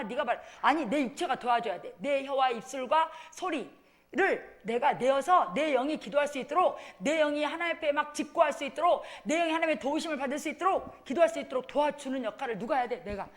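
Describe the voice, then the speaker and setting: A woman missionary teaches in a church, her voice pitched high. She talks in an animated, demonstrative way and laughs often, acting things out as she explains them to the congregation. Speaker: missionary preacher.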